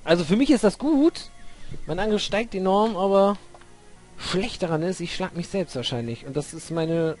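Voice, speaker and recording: A man playing a video game and commenting on it, excitable, swearing and shouting at the game. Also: high-pitched, moderate pace, faint music behind. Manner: hums along while waiting. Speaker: Let's Play host. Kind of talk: gaming commentary.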